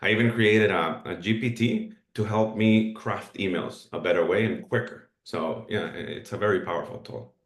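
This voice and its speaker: This man sits on the low side and talks at normal speed with few pauses, his voice carrying a roomy sound. A native Spanish speaker, he presents a live webinar earnestly, explaining as he goes and restarting with fillers.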